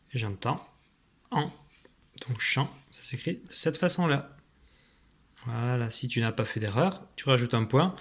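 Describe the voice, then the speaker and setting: Patient male teacher dictating. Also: mid-range voice. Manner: patient, clear, articulates sounds slowly. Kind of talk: recorded spelling dictation lesson.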